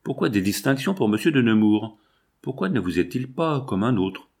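A man's voice: mid-range voice, animated, moderate pace, gravelly, darkish tone. A man voicing a jealous, anguished nobleman husband who questions his wife with impassioned reproach, in an audiobook reading. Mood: reproachful.

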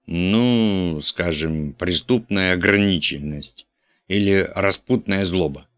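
A man's voice: sits low, slow pace, a bit bright, no room sound, clean studio sound. A man reading an audiobook, voicing a meek, matter-of-fact typesetter. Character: timid plodding typesetter, man. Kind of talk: audiobook character voice.

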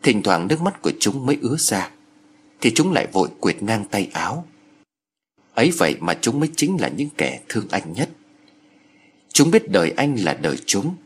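A man narrating stories aloud in a measured, expressive way. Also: on the low side, slightly rough. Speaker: story narrator. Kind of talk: scripted audiobook narration.

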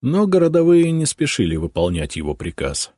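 A man reading first-person audiobook narration in a measured, expressive way. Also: medium pitch, husky, no room sound, clean studio sound.

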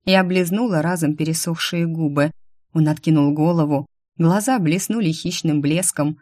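A woman narrating a first-person audiobook in a soft, intimate, expressive reading voice. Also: sits low, normal speed.

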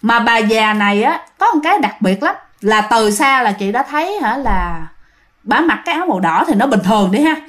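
A woman's voice: a little high, expressive, moderate pace, a bit bright. A woman telling ghost stories in a chatty way, often addressing listeners. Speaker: ghost story narrator. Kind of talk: storytelling to listeners.

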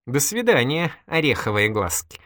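A man's voice: medium pitch, very animated, moderate pace, bright, forceful tone, a little hiss or hum, voice pushed up. A man voicing a mischievous, giggly young woman in an audiobook, teasing and exclamatory. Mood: playful. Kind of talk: audiobook character voice.

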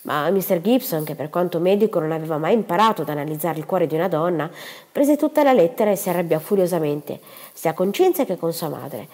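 A woman narrating an audiobook in an expressive reading voice. Her intonation is lively and animated. A long reverb trails behind her words. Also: on the low side, brisk. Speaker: audiobook reader.

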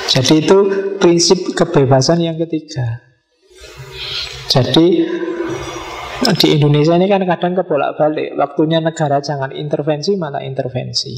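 A man giving a relaxed philosophy lecture, explaining with everyday examples and acting out short dialogues. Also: on the high side, normal speed, gravelly, pauses often, low-quality recording.

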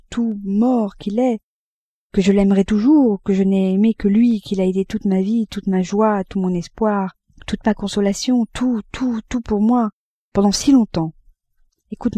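Storybook role: woman voicing a desperate, pleading mother, warm low timbre. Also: dry recording, close to an everyday voice. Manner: impassioned, pleading, breaking with emotion. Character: anguished middle-aged mother, pleading and fearful.

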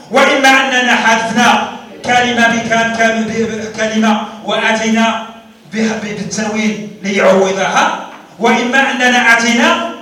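Moroccan lecturer far off in an echoing hall. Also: male voice, very high voice, pushed and bright. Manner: questions the students and repeats key terms; frequent stammers and restarts. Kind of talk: university grammar lecture. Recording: roomy echo, mic far off.

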